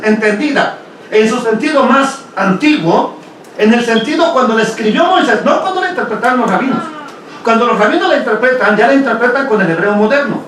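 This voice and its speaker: A high-pitched man teaches a Bible study to his congregation in a relaxed, questioning way. His voice rings through a very echoey hall. It is picked up from well away from the mic, with a faint hiss behind it. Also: recorded from a distance. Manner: conversational, asks rhetorical questions, tags "ok?".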